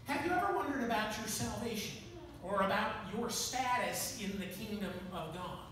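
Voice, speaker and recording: A man's voice: sits high, animated, moderate pace, fairly bright tone. A man in his sixties preaching a sermon, telling folksy stories with self-deprecating asides. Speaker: pastor. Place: church sanctuary with pipe organ. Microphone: room camera from the back of the church. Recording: echoey church, distant camera, audible room noise.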